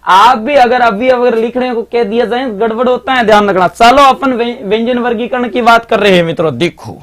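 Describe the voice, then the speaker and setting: A man's voice: extremely high pitch, fairly quick, a bit bright. A male teacher with a Marwari accent giving a live online grammar lesson, chatty and repetitive, constantly reminding students to pay attention.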